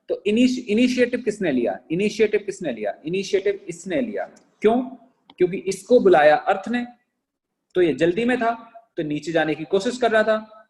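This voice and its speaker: Higher-pitched man teaching physics. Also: darkish tone. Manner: asks students questions and answers them himself; slowly dictates English sentences for notes. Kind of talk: classroom lecture.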